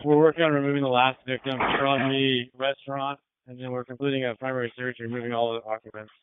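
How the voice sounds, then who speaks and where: A man's voice: mid-range voice, level tone, fast talker, clear, resonant tone, no room sound. A man, a firefighter officer, giving clipped, urgent, businesslike status reports over a two-way radio. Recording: narrow-band two-way radio transmission.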